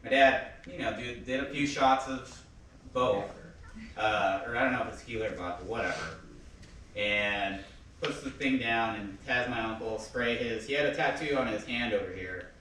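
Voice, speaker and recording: A man giving a casual eulogy for his father, telling stories, laughing and loudly quoting outbursts. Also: medium pitch, moderate pace, a little hiss or hum. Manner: chatty storytelling with laughs and loud quoted outbursts. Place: funeral service hall. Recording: echoey hall from far off.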